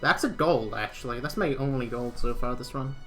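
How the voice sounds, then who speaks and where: A Welsh man, Welsh being his first language, speedruns a game live and chats casually over music, joking and poking fun at himself. His voice is medium in pitch and fairly quick.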